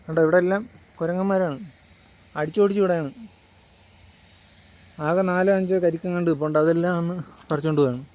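A man's voice: a little high, steady tone, a little fast, long pauses, darkish tone. A man talking casually in a family vlog, commenting on what he sees around the house. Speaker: family vlogger. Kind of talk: casual home vlog chat.

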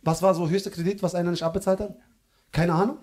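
A male stand-up comedian doing teasing, loud crowd work in a live club, with a slang manner. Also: high voice, fairly even intonation. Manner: teasing, loud, fast banter with slang fillers. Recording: live room with crowd laughter. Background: audience laughter.

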